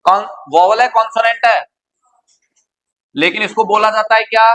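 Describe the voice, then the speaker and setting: Male grammar teacher from India, high bright voice, keeps quizzing the class. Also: steady tone, normal speed, a little hiss or hum, rough recording. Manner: quizzing students with repeated questions. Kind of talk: classroom lecture.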